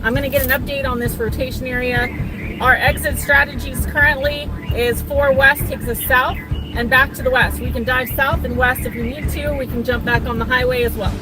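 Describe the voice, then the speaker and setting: A woman's voice: high voice, low-quality recording. A woman giving live storm-chase commentary from inside a car, thinking aloud and repeating words for emphasis. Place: inside a moving or parked car.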